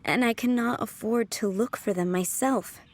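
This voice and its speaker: A woman's voice: on the high side, moderate pace, lightly acted. A woman voicing a courteous, composed head housemaid in a video game, with polite, formal phrasing. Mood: concerned. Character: poised, courteous adult female head housemaid. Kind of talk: video game character acting. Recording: music under the voice.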